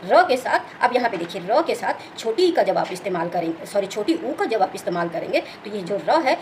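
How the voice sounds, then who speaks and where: Brisk woman teacher, high-ish voice, fast step-by-step explaining, faint background noise. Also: very animated, poor audio. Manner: explains step by step, often asks "clear?" and says "okay". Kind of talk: Hindi grammar lesson.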